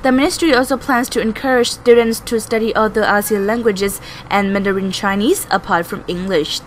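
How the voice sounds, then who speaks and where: A woman's voice: medium pitch, steady tone, brisk, a little hiss or hum, low-quality recording. A woman with a Thai accent reading scripted news narration as a reporter.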